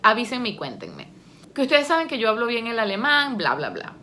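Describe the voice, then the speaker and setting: Chatty woman, higher voice. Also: fairly quick, slight background noise. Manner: chatty and expressive, laughs often while telling stories. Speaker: vlogger and language learner. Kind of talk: casual talk to camera.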